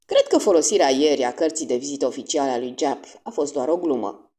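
A woman's voice: deep voice, expressive, mellow, slightly rough. A woman reading the lines of an earnest, sceptical male companion in a plain, slightly prim way. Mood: disapproving.

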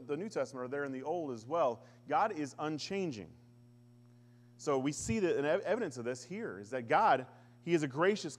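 A man preaching a sermon as a pastor, conversational with touches of humor and animated scripture quotes. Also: fairly high pitch. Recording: church hall with long reverb.

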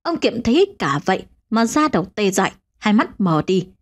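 A woman narrating a ghost story for a channel, with expressive storytelling. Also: normal speed. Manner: expressive, swinging pitch.

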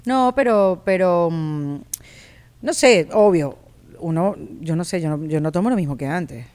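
A woman's voice: fairly low pitch, expressive, unhurried, darkish tone. Bantering woman podcast guest. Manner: laughing, bantering. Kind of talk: casual chat.

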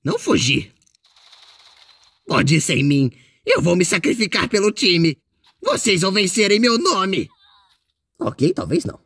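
A boastful, playful male ink demon, voiced by a fan performer commentates his own game. The voice is gravelly with a husky edge, and the pitch leaps up and down constantly. He keeps exclaiming and bragging. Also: wildly swooping pitch, unhurried, long pauses, fairly bright tone, no room sound, heavily acted. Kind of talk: in-character gaming commentary.

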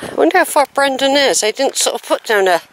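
Fast-talking and lively in intonation, this high-voiced woman is a hiking vlogger filming on a handheld camera. The rough recording has slight background noise as she walks an outdoor hillside trail in the countryside, chatting to camera, wondering aloud which way to go, and sighing between comments.

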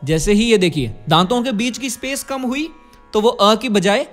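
A man in his twenties with an Indian accent teaches vocal music, explaining singing and diction, demonstrating sounds and checking in with tag questions. His voice is high and a bit bright, with lively intonation and a moderate pace. He is in a curtained indoor studio, close in front of a studio condenser microphone.

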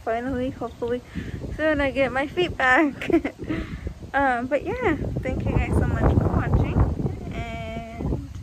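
A young woman vlogging to her phone camera in a doctor's office, talking through a face mask, soft-spoken and halting with fillers. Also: high voice. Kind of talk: casual vlog talk to camera. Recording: noisy roomy clinic recording.

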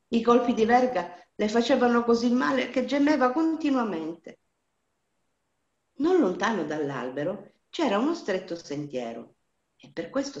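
Woman storyteller, lively swooping pitch, lo-fi recording in a roomy space. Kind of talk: fairy-tale storytelling.

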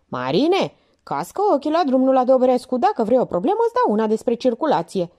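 A woman voicing a bossy, sharp-tongued policewoman in an audiobook, raised in pitch and loud. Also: huge pitch swings, exaggerated voice. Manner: brusque, scolding, loud.

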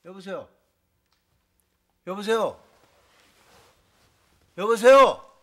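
A blustering hot-tempered husband. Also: male voice, very high voice, animated, unhurried, exaggerated voice. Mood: irritated. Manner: shouting, blustering threats. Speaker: husband in a sitcom. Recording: broadcast sitcom with clear background noise.

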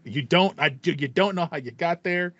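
This thirty-something co-host talks excitedly about video games on a casual podcast, leaning on repeated phrases for emphasis. His voice sits on the high side, a bit bright, at a moderate pace. Recorded indoors through a video call headset in a small home room with foam panels, the audio comes across dull.

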